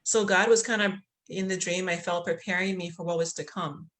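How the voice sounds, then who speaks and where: In a conversational podcast interview, a guest from Liberia shares a spiritual story reflectively, full of fillers. She speaks briskly in a lowish, steady, slightly bright voice.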